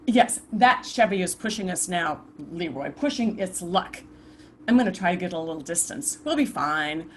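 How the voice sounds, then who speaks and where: An actress plays the restless ghost of a murdered woman civil rights volunteer in a theatrical monologue over a video call. She speaks haltingly, with sighs and broken restarts. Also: lowish voice, lively intonation, slight background noise, natural voice. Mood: anxious. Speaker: stage actor performing a monologue. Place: indoors at home, performing over a video call. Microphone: video call computer mic.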